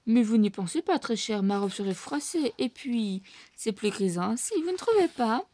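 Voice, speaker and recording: A woman's voice: on the high side, big pitch swings, moderate pace, warm tone, no echo. Woman doing Bianca, an elegant coquettish mouse. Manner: airy, refined.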